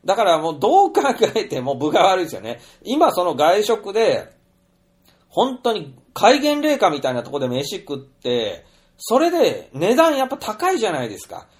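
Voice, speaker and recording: Animated chatty Japanese man. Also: high voice, normal speed. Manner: chatty storyteller, animated, many fillers. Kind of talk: casual monologue.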